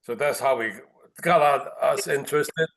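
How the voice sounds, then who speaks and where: A man on a video call who adds calmly to his wife's story. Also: fairly high pitch, moderate pace, vocal fry. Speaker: guest speaker on business forum. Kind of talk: casual chat in a video call.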